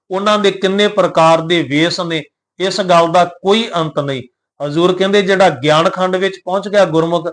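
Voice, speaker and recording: A man teaching scripture recitation, slowly chanting each verse line and then calmly explaining its pronunciation, pauses and meaning. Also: high voice. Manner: calm, explanatory, spells out pronunciation. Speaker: Gurbani teacher.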